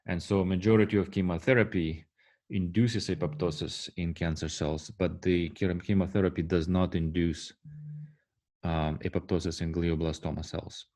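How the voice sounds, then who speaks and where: A man giving a university science lecture, halting often with fillers and restarts and checking in with the class. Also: low voice, little pitch movement, warm tone. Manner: asks the class rhetorical "right?" checks.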